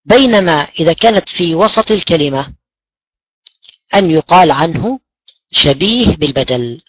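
With an animated, slightly bright voice on the high side, a man explains tajweed at a moderate pace, posing his own questions and patiently answering them while repeating key words. The recording of this Quran recitation lesson is dull, lo-fi and dry, with no echo.

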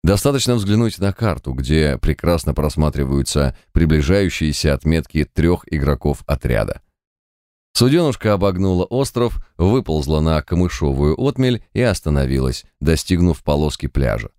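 Deep guy reading an audiobook, lively up and down, dry close mic. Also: normal speed, no echo. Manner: reads every character himself in an expressive audiobook voice. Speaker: audiobook narrator. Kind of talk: scripted narration.

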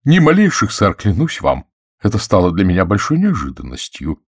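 A man's voice: on the low side, huge pitch swings, slightly rough, no echo, studio quality, voice pushed up, full character voice. A man voicing a nervous, servile middle-aged butler who pleads and stammers, in an audiobook. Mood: pleading. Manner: pleading, stammering, slow and anxious. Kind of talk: audiobook character voice.

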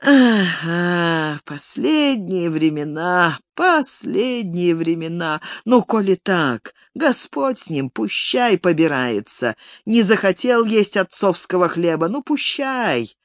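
A reader voicing an old male village elder who grovels and pleads with his master, raising the voice high and thin. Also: very animated, slow, no room sound, clean studio sound. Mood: pleading. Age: older. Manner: wheedling, tearful pleading. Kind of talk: audiobook character reading.

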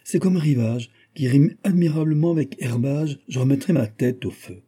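Guy reading as a scatterbrained poet from a classic novel, rambling and eager, real dark husky tone. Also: medium pitch, moderate pace, voice pushed up, close to an everyday voice. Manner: rambling, eager, self-mocking. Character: dreamy absent-minded middle-aged male poet. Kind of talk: audiobook character voice.

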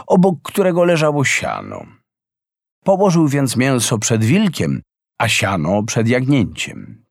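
A man reading a fairy tale aloud as narrator, with expressive, measured storytelling. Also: mid-range voice, no echo, clean studio sound.

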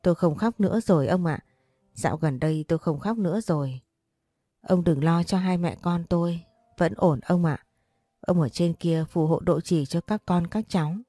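Lady voicing an old widowed mom, gentle and teary, low soft voice. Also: normal speed, dry recording, faint music behind, lightly acted. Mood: tearful. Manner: gentle, sobbing. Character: widowed mother, older woman, tearful and loving.

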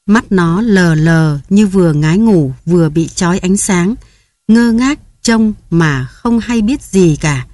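A woman narrating a story as an audiobook in a steady, even reading style. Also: on the low side, takes it slowly, dry recording.

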